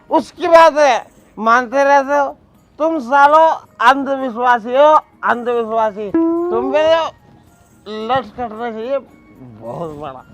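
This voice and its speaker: A man's voice: extremely high pitch, fairly bright tone, no room sound. A man playing a villager in a comedy sketch, lecturing the others with scorn.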